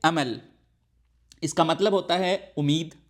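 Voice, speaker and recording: A man with a somewhat higher voice gives a recorded language lesson. He goes slowly and patiently, sounding out each letter several times and pausing often to check that the listener is following. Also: steady tone. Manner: slowly demonstrates sounds, repeating them aloud. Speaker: Arabic teacher.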